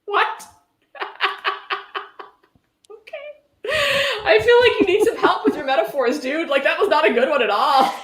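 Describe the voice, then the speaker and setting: In a roomy, echoey space with crowd noise around her, a tipsy woman hosts a casual livestream, reading passages aloud and adding sarcastic, irreverent remarks laced with swearing. Her very high voice keeps a measured pace and pauses often.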